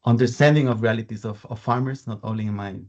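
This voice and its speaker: A man's voice: medium pitch, fast talker, a little mellow. A man from Costa Rica with a Costa Rican Spanish accent, introducing himself on a webinar panel in an earnest way, repeating words as he restarts. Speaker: sustainability lead at a coffee importer. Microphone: video call. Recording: dull lo-fi video call audio.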